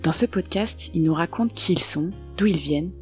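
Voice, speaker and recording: A woman hosting a podcast, reading a measured, scripted introduction. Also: on the low side, faint music behind. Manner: measured, even narration. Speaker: podcast host. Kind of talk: scripted narration.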